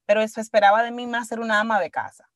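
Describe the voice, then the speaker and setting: A woman's voice: on the high side, flat delivery, fast, no room sound, studio quality. A woman with a Dominican Spanish accent in casual conversation, reflective and emphatic, slipping English words into her Spanish and checking for agreement. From Dominican Republic. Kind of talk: casual conversational interview, personal storytelling.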